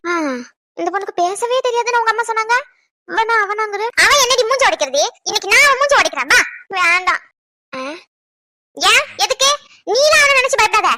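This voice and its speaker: A woman's voice: very high voice, background noise. A woman voicing a fiery, protective young woman in a cartoon, who talks in a combative, challenging way. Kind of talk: cartoon voice acting.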